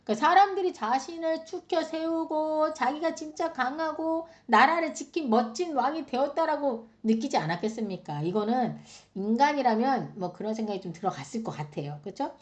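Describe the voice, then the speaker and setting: A woman gives an animated Bible teaching with a lively, swinging voice that sits a little high. She keeps asking her listeners questions as she goes. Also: normal speed, hardly any pauses. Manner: acts out quoted voices with big pitch jumps. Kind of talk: Bible study talk.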